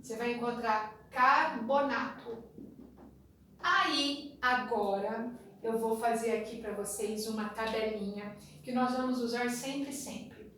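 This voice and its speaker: A woman's voice: on the high side, steady tone, slow, sharp tone. Echoey Brazilian woman teaching chemistry. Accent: Brazilian Portuguese. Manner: chatty, repeats a sing-song memory rhyme. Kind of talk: classroom lecture. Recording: very echoey room, distant mic, faint noise.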